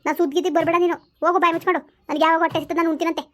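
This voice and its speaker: A woman's voice: very high-pitched, little pitch movement, rapid-fire. A middle-aged woman, playing a bitter, scolding mother-in-law in a homemade village family drama. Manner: sharp and dismissive, cuts others off. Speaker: village skit actor.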